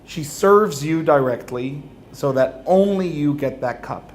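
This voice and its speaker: A man's voice: on the high side, lively intonation, measured pace. A religious speaker, a man, telling a humorous personal story to an audience, acting out the dialogue and often laughing.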